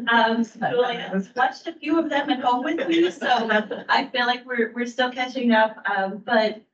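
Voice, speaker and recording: A woman from a county aging services bureau gives a staff update at a public meeting, her voice on the high side. She speaks in a measured way with frequent ums and restarts, recorded by a distant, roomy mic with a dull sound.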